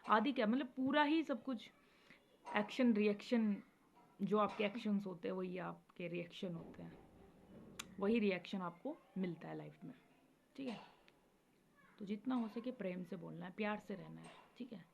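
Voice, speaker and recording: A woman hosting a spiritual advice talk, speaking gently and often checking in with her listeners. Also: medium pitch, moderate pace, gravelly, long pauses. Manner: gentle, repeats "theek hai" often. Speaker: spiritual video host. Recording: dull lo-fi recording with faint noise.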